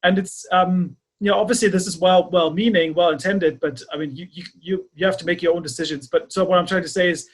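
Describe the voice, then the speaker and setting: A man hosting a podcast, speaking haltingly and repeating words as he searches for the right phrasing in a reflective conversation. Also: sits high, steady tone. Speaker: podcast host.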